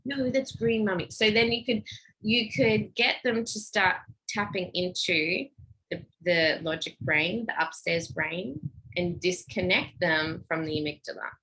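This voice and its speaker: A middle-aged woman who speaks about parenting and emotional intelligence gives a casual teaching talk, chatting freely and acting out little dialogues in a lifted voice. Her voice is lowish, unhurried, bright and forceful, and the recording quality is poor.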